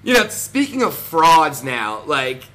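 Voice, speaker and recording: A man's voice: a little high, very animated, slow pace, fairly bright tone. Brash New Jersey man ranting. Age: 30s. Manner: combative, boastful, many fillers. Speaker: vlogger. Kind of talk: ranting to camera.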